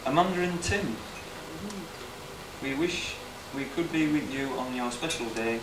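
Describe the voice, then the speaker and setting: A man gives an informal best man's speech, reading out cards in a hesitant, self-deprecating way. His mid-range voice is picked up from afar in an echoey room with clear background noise. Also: medium pitch, measured pace. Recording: echoey room, distant mic, noisy background.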